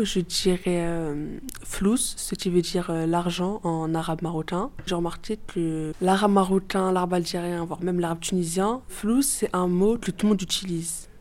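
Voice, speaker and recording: A woman's voice: fairly low pitch, darkish tone. A woman speaking thoughtfully and a little hesitantly about her parents' language. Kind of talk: personal testimony.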